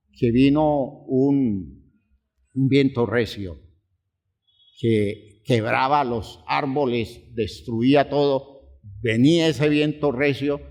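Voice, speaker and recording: Slow-preaching pastor, man. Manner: preaching with dramatic swings, from hushed to high, pleading outbursts. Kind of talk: sermon.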